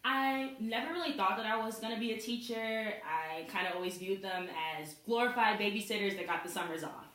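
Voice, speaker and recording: A woman's voice: mid-range voice, brisk, hardly any pauses, a bit bright. A young woman, a student, giving a casual introduction speech to her class, with fillers like "like" and "you know". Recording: echoey room, mic far off.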